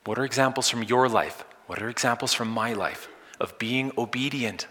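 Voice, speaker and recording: A man preaches a sermon in a church sanctuary with a bright, forceful voice. He pushes loud on key words, then sinks to a hush. His voice carries a long reverb from the hall. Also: mid-range voice, moderate pace. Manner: dynamic, swinging from loud emphasis to soft hushed lines. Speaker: pastor.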